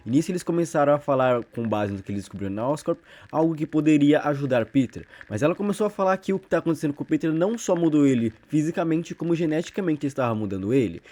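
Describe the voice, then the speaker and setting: This Brazilian-accented man speaks fast, expressively and in a dark tone, with his voice a little high and hardly any pauses. He's a channel host casually narrating a video, retelling horror stories and chatting about them over background music.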